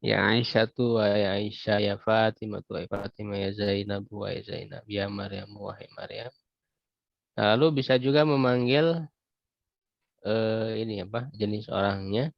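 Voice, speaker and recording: A man teaching Arabic grammar in an online class, explaining patiently and pausing to clear his throat. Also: fairly low pitch, dry recording. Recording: dull lo-fi video call audio, dry.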